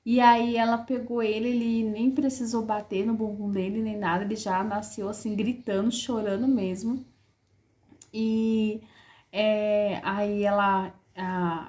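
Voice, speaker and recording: A woman's voice: medium pitch, a little mellow. A woman casually telling the story of her child's birth, heartfelt and repetitive, full of fillers.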